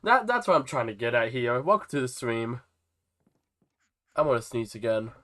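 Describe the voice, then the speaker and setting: A man's voice: medium pitch, sing-song, moderate pace, sharp tone. A young man chatting casually on a live game stream, with a stuffy, nasal voice as if he is about to sneeze. He rambles to his viewers and talks to the creatures in his game. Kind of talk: casual live-stream chat while playing.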